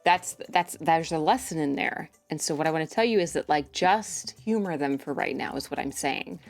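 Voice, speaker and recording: A woman's voice: low voice, normal speed, gravelly, faint music behind. A drunk young woman rambling in a rowdy party-animal way, repeating herself and swearing in a casual livestream chat.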